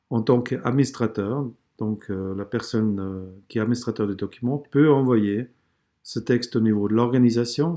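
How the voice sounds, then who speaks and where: A man with an accent narrates a screen-recorded software tutorial in a low, mellow voice. He explains each step patiently, stopping for fillers and restarting his sentences. His pitch sits on the lower side. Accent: non-native or regional French accent.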